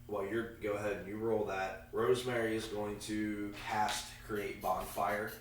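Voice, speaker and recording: A man's gravelly, allergy-congested voice comes through from a distance in a very echoey room. It sits fairly low as he casually, haltingly runs a tabletop role-playing game. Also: little pitch movement. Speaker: game master. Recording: echoey room, far from mic, faint noise.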